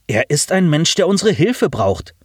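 An earnest young helper with a devout streak speaks in a slightly raised voice, as a male narrator plays him. He murmurs his lines with quiet conviction. The sound is dry and close. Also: a little high, very animated, moderate pace, husky, no echo, voice pushed up.

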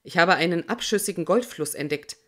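A woman reading the lines of a relaxed, blunt male companion in an audiobook. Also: on the low side, fairly quick, natural voice.

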